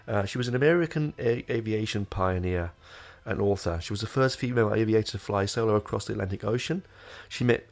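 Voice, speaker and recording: A podcast host talks casually into a desk microphone, rambling with lots of fillers and restarts, his voice nasal as he recovers from an illness. It is lowish and gravelly, fairly quick, with hardly any pauses.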